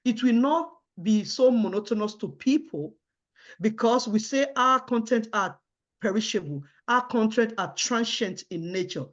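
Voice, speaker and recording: A woman's voice: on the high side, animated, unhurried. Woman in formal interview, dull lo-fi audio. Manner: hesitant, repeating and restarting words. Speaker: job candidate in a mock interview.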